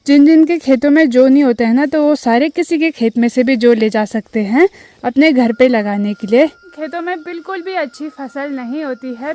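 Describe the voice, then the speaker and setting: Her voice sits high with a darkish tone, and a faint hiss or hum runs under the recording. She's a young village lifestyle vlogger from the Uttarakhand hills in India, chatting casually and explaining things to viewers she treats as friends while standing in a hillside farm field.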